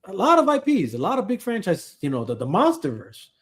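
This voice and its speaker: Podcast host, male, fairly high pitch, loose rambling delivery full of fillers. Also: huge pitch swings, a little fast, a bit bright. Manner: rambling, heavy on "you know" fillers. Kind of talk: casual chat.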